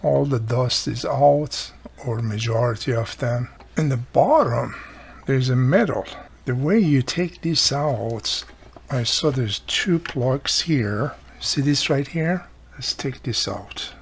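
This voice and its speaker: Working at an indoor bench, this radio repairer hosts a relaxed, hands-on session, commenting in brief remarks as he goes. His gravelly voice sits in the mid range and moves slowly. Background room noise makes the recording noisy.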